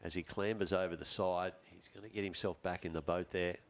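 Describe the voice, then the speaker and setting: A man's voice: sits low, steady tone, fairly quick. An Australian man commentating surf boat racing, laid-back and teasing his co-host. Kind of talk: live sports commentary.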